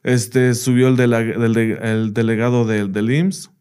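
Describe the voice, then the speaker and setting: A man's voice: medium pitch, level tone, a little slow, a little mellow, clear, resonant tone. A man whose first language is English, a teacher and podcast guest, telling anecdotes in a casual interview, often saying "bla, bla" and "¿me entiendes?".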